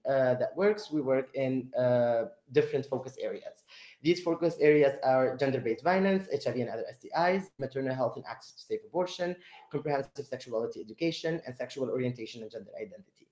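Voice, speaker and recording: Man, webinar host, hesitant, lots of fillers, warm tone, roomy echo. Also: mid-range voice. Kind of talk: online webinar presentation. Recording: echoey room.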